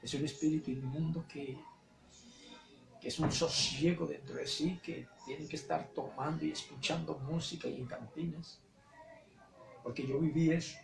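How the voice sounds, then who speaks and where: A man's voice: fairly high pitch, steady tone, moderate pace, gravelly. A man with a Colombian accent giving an earnest religious testimony, repeating phrases as he recounts. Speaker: testimony speaker. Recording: echoey room with background music.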